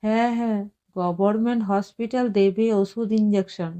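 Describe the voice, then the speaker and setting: A woman's voice: mid-range voice, fairly even intonation, moderate pace, warm tone, muffled recording, natural voice. A woman reading an audio story, voicing a humble household maid who speaks in a meek, pleading way.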